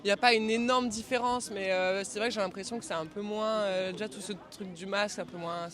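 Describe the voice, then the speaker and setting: A woman's voice: medium pitch, fairly even intonation, fast talker, fairly bright tone. A woman from Reims chatting casually in a street interview, hesitating and trailing off at the ends of sentences. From Reims, France. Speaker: interviewee, local visitor.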